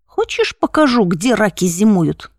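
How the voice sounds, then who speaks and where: A woman voicing a tall, shaggy, ragged young male street bully who taunts and mocks, lower than her own voice. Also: big pitch swings, unhurried, no echo, studio quality. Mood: taunting. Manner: mocking, taunting.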